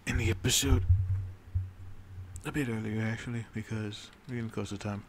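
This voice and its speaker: A guy telling a dark roleplay story over his strategy game, low voice, rambly and swears a lot, faint room hum behind. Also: steady tone, moderate pace. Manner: rambling, swears casually, brooding dramatic storytelling. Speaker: game streamer. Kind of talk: in-character narration of a strategy game.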